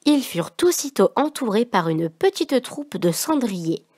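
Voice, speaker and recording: A woman reads a children's picture book aloud to young listeners. Her reading is expressive and lively, and her voice sits a little high. The sound is close and dry. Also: unhurried, no echo.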